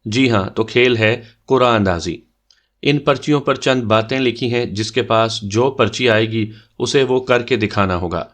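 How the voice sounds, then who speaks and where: A man voices a mischievous young guy who runs a party game and teases his sister in a bantering, playful way. His voice is mid-range and a bit bright, with a lightly acted quality.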